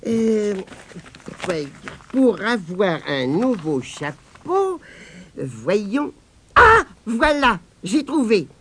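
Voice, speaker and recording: A man voicing a kind little female magic spider in a children's story, speaking in a soft, musing way. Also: sits high, sing-song, extremely slow, a little hiss or hum, voice pushed up, heavily acted.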